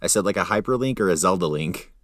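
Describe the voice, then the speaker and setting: A man's voice: low-pitched, animated, fast talker, fairly bright tone, no room sound, clean studio sound. A young man co-hosting a podcast, joking around and rambling with hesitant fillers. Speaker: podcast co-host. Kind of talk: casual chat.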